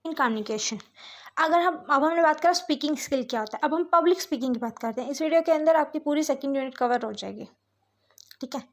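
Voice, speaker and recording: A woman with an Indian accent teaches through an explanatory lecture, mixing Hindi and English and often checking that her listeners follow. Her voice is high and her pace quick.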